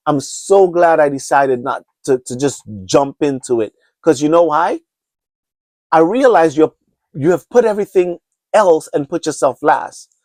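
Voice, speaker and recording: A man in his 50s from Trinidad and Tobago hosts his own podcast, talking unscripted and alone in an earnest, rambling style with many restarts and preacher-like urging. His voice sits a little high and has a darkish tone, and he speaks at a measured pace. The recording is dry.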